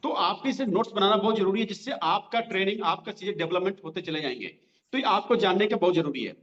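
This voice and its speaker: A man running a direct selling training session, talking directly to his listeners and repeating each line slowly so they can write it down. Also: high-pitched, fairly bright tone. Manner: repeats lines slowly for note-taking; conversational, addresses listeners directly. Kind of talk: sales training lesson. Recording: dull lo-fi sound.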